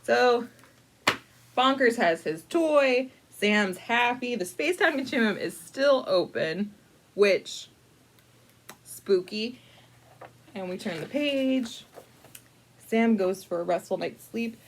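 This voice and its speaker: Against slight background noise, a woman with an animated, somewhat high voice narrates a picture book to adult listeners as a library storyteller. She riffs casually, leans into playful, wry asides with mock seriousness, and keeps stopping to think aloud as if chatting.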